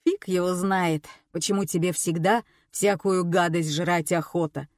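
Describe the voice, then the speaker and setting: A woman voicing a gruff, scornful, bossy husband in an audiobook. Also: fairly low pitch, steady tone, a little slow, a little mellow, no room sound, studio quality, natural voice. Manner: gruff, mocking.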